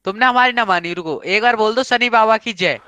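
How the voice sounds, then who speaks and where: Teasing man on loud noisy voice chat. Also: high voice, a little fast. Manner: teasing, repeats himself. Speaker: friend on voice chat. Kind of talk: casual gaming chat.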